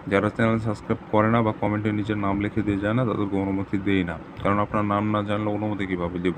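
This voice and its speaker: A man with a low, flat voice talks through step-by-step instructions, repeating each point steadily like a patient teacher. Clear background noise and the hum of passing traffic sit behind him. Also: fast talker. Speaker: tantric channel host. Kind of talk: instructional talk to camera.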